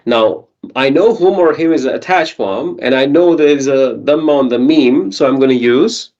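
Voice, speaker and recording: A man's voice: mid-range voice, moderate pace, darkish tone, muffled recording. A man teaching a Quranic Arabic grammar lesson online, patiently asking his students questions and checking in with them.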